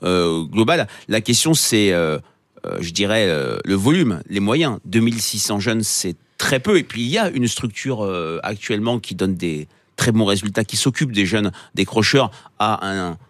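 Male commentator, lowish pitch, measured halting analysis, dry studio. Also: animated, no echo. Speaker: debate commentator.

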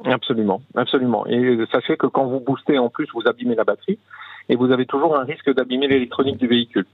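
A man's voice: medium pitch, fairly even intonation, quick pace, breathy edge, no room sound. Male company manager, explanatory radio interview style, narrow phone sound, very dry. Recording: tinny phone line on radio.

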